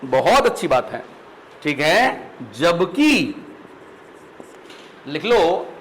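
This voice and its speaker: A man's voice: fairly high pitch, sing-song, very slow, fairly bright tone, poor audio. A man lecturing a class on grammar. He calls students "beta", keeps checking whether they understand, and stretches out syllables when he sounds out letters. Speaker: Hindi grammar teacher.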